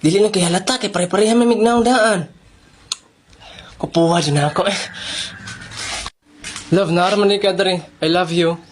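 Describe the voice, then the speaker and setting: A performer acting out comedy skits alone, playing every part and jumping between voices with animated delivery. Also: mid-range voice, fast, hardly any pauses, slight background noise.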